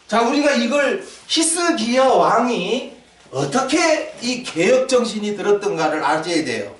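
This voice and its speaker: An older man preaching a sermon as pastor, asking the congregation questions and joking with them. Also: extremely high pitch. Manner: lively, asks the congregation questions, jokes. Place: church sanctuary. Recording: echoey church hall, mic at a distance.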